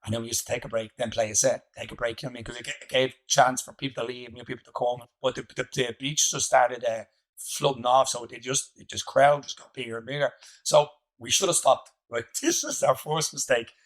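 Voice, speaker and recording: An Irish man spins a loose, rambling yarn as a podcast guest, his voice sitting at an ordinary middle pitch. He leans on fillers and keeps breaking into laughter mid-story. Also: fairly quick, poor audio. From Ireland. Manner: rambling, laughs through stories, many fillers. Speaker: guest musician. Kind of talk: casual storytelling.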